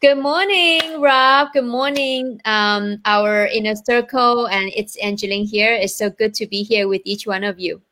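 A woman's voice: mid-range voice, fairly even intonation, unhurried, hardly any pauses, sharp tone. A woman from China with a Chinese accent, speaking earnestly as a guest entrepreneur on a live online interview show, often checking in with "right?".

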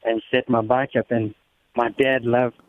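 Flat in delivery and a little slow, a mid-range male voice belongs to a South African interview guest from a motorcycle race team. He tells stories casually, often repeating words, and the audio has no echo but carries the muffled quality of a narrow-band phone or radio line.

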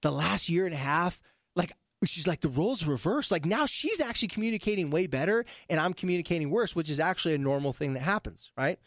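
Fast-talking, animated male therapist. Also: a little high, dry recording, studio quality. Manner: animated storyteller who jumps between topics. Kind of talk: casual podcast chat.

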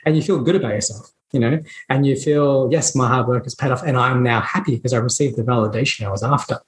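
A man's voice: mid-range voice, quick pace. Reflective man in a roomy echo. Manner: earnest, reflective, frequent restarts and laughs. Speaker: dentist, podcast guest. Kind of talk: conversational storytelling.

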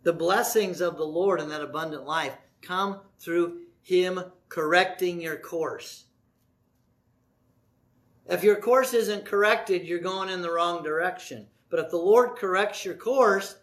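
Animated high-voiced male preacher. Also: a little slow. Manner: folksy, animated preaching with asides and jokes. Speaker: pastor. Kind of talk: sermon.

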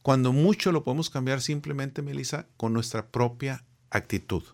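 A man's voice: medium pitch, moderate pace. A middle-aged man, a guest speaking on personal growth, who tells anecdotes and acts out the people in them. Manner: animated storyteller, acting out the people in his anecdotes. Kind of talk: conversational storytelling.

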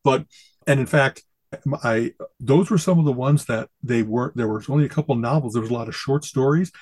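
A man's voice: medium pitch, brisk, darkish tone, no echo. Brief: man, podcast co-host, casual rambling chat, enthusiastic, dead-dry recording. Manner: enthusiastic, rambling, quotes catchphrases with relish.

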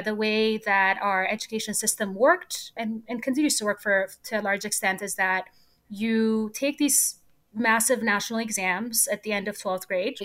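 A woman's voice: mid-range voice, fairly bright tone. A young woman from Ethiopia, a computer scientist, talking animatedly and laughing often in an interview. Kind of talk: casual interview talk.

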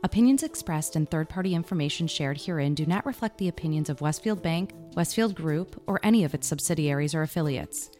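A woman reading a scripted legal disclaimer in an even, measured way. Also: deep voice, soft background music. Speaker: disclaimer announcer.

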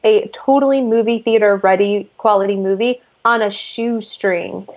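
A woman's voice: mid-range voice, steady tone, normal speed, darkish tone, dull audio. A woman chatting as an interview guest, telling stories with lots of "like" fillers. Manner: chatty storyteller, many "like" fillers. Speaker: guest actress. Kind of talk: casual interview chat.

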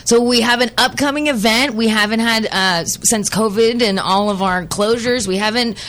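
A woman's voice: fairly high pitch, normal speed, fairly bright tone. A woman winemaker, a guest on a radio talk show, chatting enthusiastically and laughing often. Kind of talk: casual radio chat.

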